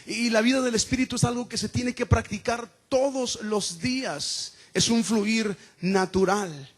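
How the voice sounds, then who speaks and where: A man's voice: very high voice, steady tone, unhurried. A middle-aged man, preaching a sermon in an earnest, conversational way with frequent rhetorical questions. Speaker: pastor. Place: church.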